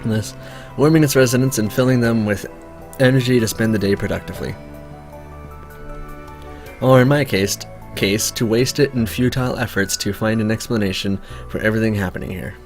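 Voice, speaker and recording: A man's voice: on the low side, brisk, faint music behind. A man playing a visual novel, reading its narration aloud and breaking off for chatty asides. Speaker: let's play gamer.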